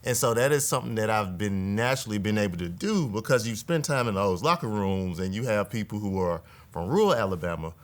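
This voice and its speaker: A man with a slightly low voice speaks in an earnest, reflective way, as if he is chatting with a colleague. He often checks in with "right?" and keeps a relaxed, conversational flow. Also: brisk, hardly any pauses. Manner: earnest, reflective, tag questions. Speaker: state legislator. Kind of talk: casual conversation.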